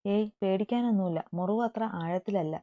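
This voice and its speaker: A woman voicing a calm doctor who reassures a worried family in a story reading. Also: mid-range voice, fairly quick, close to an everyday voice. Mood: reassuring. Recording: tinny phone-like sound.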